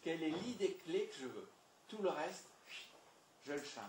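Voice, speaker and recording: Homme formateur animé, salle sonore. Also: male voice, fairly high pitch, normal speed, echoey room, a little hiss or hum. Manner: lively, repeats words, emphatic. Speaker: trainer. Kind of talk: communication training talk. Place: meeting room with audience.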